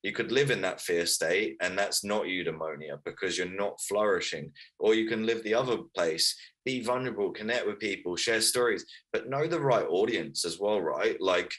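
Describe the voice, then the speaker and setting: A man's voice: lowish voice, normal speed, hardly any pauses, fairly bright tone, low-quality recording. A man of thirty, telling his life story earnestly as an author guest in a casual interview. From Wales, raised in London. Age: 30s.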